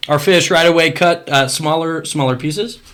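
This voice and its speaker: Easygoing priest hosting a food show. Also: male voice, a little high, moderate pace, fairly bright tone. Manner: easygoing, rambling, many fillers. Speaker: priest and host. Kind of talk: casual food-review chat.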